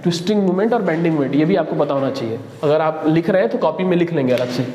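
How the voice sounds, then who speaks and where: High-voiced man teaching in an echoey classroom. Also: rapid-fire, mellow. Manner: talks to students, asking and answering his own questions. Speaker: engineering teacher. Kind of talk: classroom lecture. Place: classroom with a board. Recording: echoey classroom with long reverb, faint noise.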